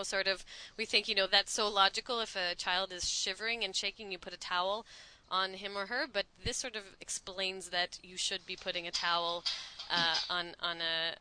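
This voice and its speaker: A woman's voice: medium pitch, a little fast, sharp tone, smooth, poor audio. A woman from Canada co-hosting a casual chat podcast, chatting about a book she recommends. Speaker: podcast co-host.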